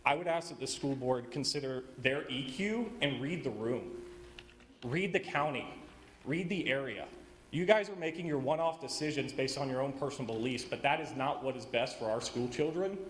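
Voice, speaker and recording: A man's voice: mid-range voice, brisk, hardly any pauses. An American man, a parent, making a reproachful public comment. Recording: echoey meeting room with faint noise.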